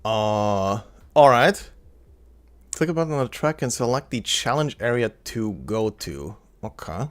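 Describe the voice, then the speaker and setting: A man's voice: medium pitch, animated, measured pace, clear, resonant tone. A man doing casual gameplay commentary as a streamer, with dry, offhand reactions.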